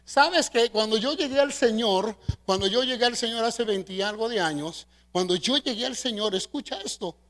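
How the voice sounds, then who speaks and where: A middle-aged man with a Mexican Spanish accent preaching a sermon as pastor, leading the congregation in call-and-response and swinging between loud emphasis and soft asides. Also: very high voice, lively intonation, normal speed, hardly any pauses. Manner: preaching with call-and-response, asking the congregation to repeat after him.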